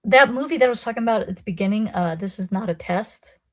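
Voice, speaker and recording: An American woman in her thirties hosting a casual podcast, telling animated stories, swearing and laughing a lot. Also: mid-range voice, quick pace. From United States. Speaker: podcast host. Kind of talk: casual chat.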